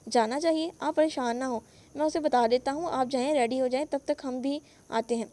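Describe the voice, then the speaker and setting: A woman's voice: high-pitched, lightly acted. A woman voicing a polite, respectful young husband in a spoken novel. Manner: respectful, calm.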